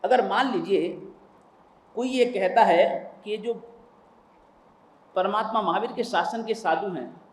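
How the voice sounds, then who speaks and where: A man's voice: high-pitched, slow, pauses often. A man preaching a sermon and telling a story, with emphatic, repetitive phrasing. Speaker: Jain preacher. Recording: roomy hall with faint ambience.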